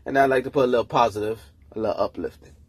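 A man's voice: mid-range voice, racing, breathy edge, no room sound. A man hosting his own podcast, ranting casually and telling a story with lots of swearing. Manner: profane, animated storytelling. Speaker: podcast host. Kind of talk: casual solo rant. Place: room, early morning.

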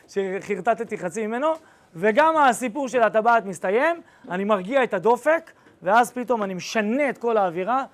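A young rabbi with a slangy, lively storytelling manner, recounting an episode to a class of students. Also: male voice, high voice.

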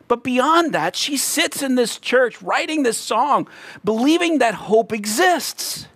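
Earnest high-voiced man telling a faith story. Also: a bit bright, dry recording. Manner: earnest storytelling with rising emphatic peaks. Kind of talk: reflective devotional talk.

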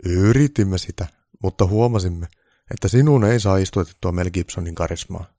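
A man voicing a calm, blunt old Santa Claus who speaks firmly and matter-of-factly, louder and a bit higher than his own voice. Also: dry recording, lightly acted. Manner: dry, matter-of-fact, firm.

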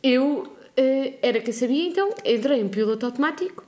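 A young woman with a European Portuguese accent talks in a high, bright-toned register. She tells her stories in a lively way and slips into the voices of the people she is quoting. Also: a little fast. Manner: animated storyteller acting out quoted phone calls. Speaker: podcast co-host. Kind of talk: casual chat.

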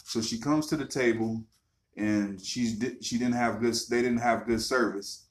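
A man co-hosting a casual chat from a home garage, explaining things in a loose, halting way. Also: medium pitch, fairly even intonation, reverberant. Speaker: podcast co-host.

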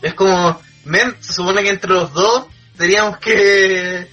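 A man's voice: sits high, fairly even intonation, unhurried, bright, forceful tone, lo-fi sound, faint music behind. A man with a Chilean accent giving blunt, opinionated takes in a casual podcast, swearing freely. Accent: Chilean Spanish. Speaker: podcast co-host. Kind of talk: casual chat about wrestling.

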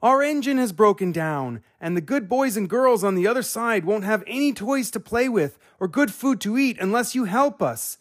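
Small toy clown for a storybook, played by a man: raised pitch, eager, hopeful, calling out. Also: animated, moderate pace, hardly any pauses, dry recording, clean studio sound. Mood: pleading. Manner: crying out, eager, pleading.

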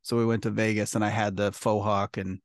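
A man's voice: on the low side, level tone, fairly quick, no room sound. Middle-aged man, podcast co-host, casual joking chat, self-deprecating, dry close sound.

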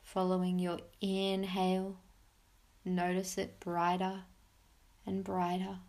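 A woman's voice: lowish voice, monotone, darkish tone. Soothing woman guiding mindfulness. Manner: soothing, unhurried instructions with pauses. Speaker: podcast host and mindfulness guide. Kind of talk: guided meditation for families.

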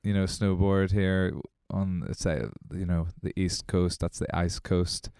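Low-voiced podcast co-host. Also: male voice, measured pace, gravelly, clean tone, dry recording, studio quality. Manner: rambling, relaxed, full of fillers. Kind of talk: casual chat. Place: small podcast studio.

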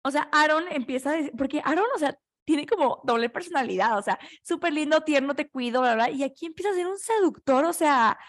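An excitable young Mexican woman co-hosting a casual book podcast. She gushes about a romance novel in a rapid, filler-heavy way, and her voice is quite high. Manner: excitable and gushing, with many "o sea" fillers. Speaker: podcast co-host. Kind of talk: casual chat recapping a book.

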